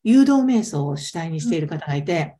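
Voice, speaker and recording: A woman talks quickly and eagerly as a guest in a casual interview. Her voice is warm and mellow, and her pitch swings widely as she stresses her points. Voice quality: animated, emphatic storyteller. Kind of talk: casual storytelling chat.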